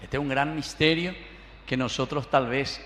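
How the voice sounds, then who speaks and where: A man's voice: mid-range voice, steady tone, normal speed, fairly bright tone. A man preaching an informal homily as a priest at a live Mass in a church, addressing the congregation directly in a conversational way. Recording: echoey church, noisy congregation behind.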